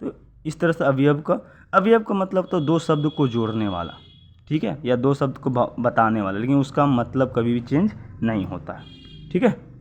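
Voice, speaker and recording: A man's voice: medium pitch, expressive, moderate pace, highs cut off, a little hiss or hum. A man teaching an exam-prep lecture, explaining step by step, often checking in with the listener and restarting words. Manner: explanatory, repeats "है ना" and "ठीक है" often.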